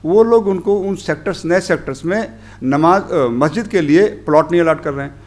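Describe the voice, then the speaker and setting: A middle-aged man giving a workshop talk as a journalist, rambling through his points with many pauses and English phrases mixed in. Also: on the high side. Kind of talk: workshop lecture. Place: conference hall.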